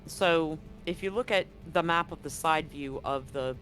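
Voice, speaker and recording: A man serves as game master for a tabletop roleplaying game, narrating in a chatty, explanatory way. His voice is fairly high, a bit bright, and unhurried. The recording is rough, with background music playing beneath him.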